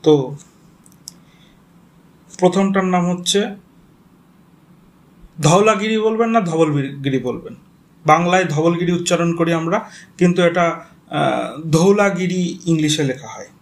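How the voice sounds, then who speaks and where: A man's voice: high-pitched, moderate pace, gravelly, long pauses. A man with a Bengali accent giving a geography lecture for exam students, explaining step by step, spelling names out and checking in with the class. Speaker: teacher.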